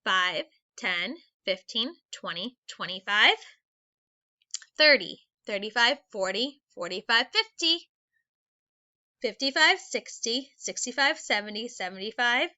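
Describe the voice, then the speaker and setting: Reading aloud for young children, a woman elementary school teacher uses a fairly high, very animated voice at an unhurried pace. She is instructional and goes step by step. The screencast voice-over sounds slightly dull.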